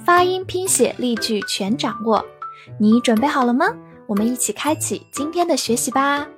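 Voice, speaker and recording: A young woman gives a scripted vocabulary lesson, spelling words out letter by letter and slowing down for example sentences. Her voice sits a little high. The sound is dry and close, with no room around it. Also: darkish tone, breathy edge, dry recording. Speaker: English vocabulary teacher.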